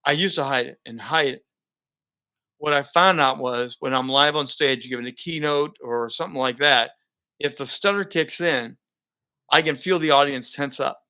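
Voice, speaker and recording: In a relaxed interview, a middle-aged man who works as a broadcaster and keynote speaker tells stories with animation and frequent laughter. His mid-range voice is clear and resonant, at a moderate pace.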